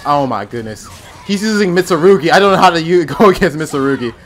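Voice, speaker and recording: A man casually commentating his gameplay on stream, excitable, with loud outbursts, swearing and frequent laughs. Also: on the high side, fast talker, soft background music.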